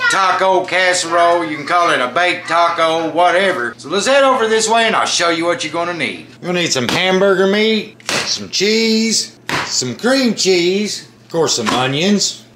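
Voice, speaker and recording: A man's voice: high voice, animated, moderate pace, bright, forceful tone. Man, thirties, home cooking vlogger; chatty and folksy, noisy kitchen audio on a camera mic. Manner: folksy, chatty, says y'all. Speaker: family vlogger and home cook. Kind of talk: casual home cooking vlog. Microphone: handheld camera mic.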